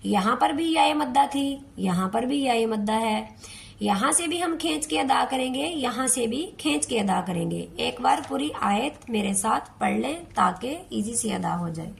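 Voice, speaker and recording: A woman gives a slow, step-by-step tajweed lesson, patiently repeating each word of the Quran and drawing out the recited lines in a chant. Her voice is a little high, animated, and creaky.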